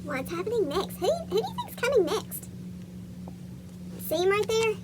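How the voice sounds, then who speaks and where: A tiny chipmunk tells a children's storybook in a squeaky cartoon voice. It is extremely high and swoops up and down with animation. Loud noise runs through the recording. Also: huge pitch swings, moderate pace, exaggerated voice. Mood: chirpy storytelling. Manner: asks young listeners questions. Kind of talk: read-aloud picture book storytelling.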